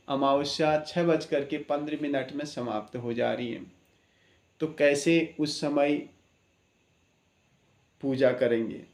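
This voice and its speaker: A man's voice: on the high side, a little mellow, reverberant. A man, an astrologer, giving an impassioned spoken address, earnest and preaching, with many rhetorical questions.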